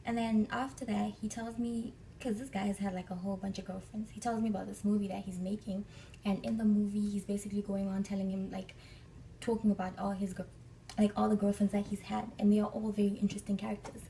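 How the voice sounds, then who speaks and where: A woman's voice: mid-range voice, flat delivery, quick pace, gravelly, warm tone, distant mic, a little hiss or hum, rough recording. A young woman from Africa, chatting through a storytime vlog and acting out the people she quotes. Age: young adult. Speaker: vlogger.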